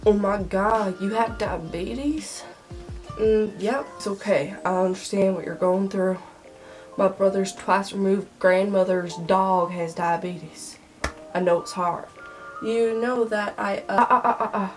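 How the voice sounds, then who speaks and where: A woman's voice: medium pitch, a little slow, natural voice. A woman plays a gushing acquaintance in a vlog skit, clueless and full of pity. The voice is overdramatic and stuffed up with a cold, over background music. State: congested with a head cold.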